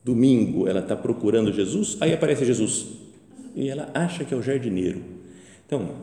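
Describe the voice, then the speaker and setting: A man, a priest, giving a conversational homily, telling stories and acting out quotes. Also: on the low side. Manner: conversational, animated storytelling with acted quotes. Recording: echoey church with long reverb.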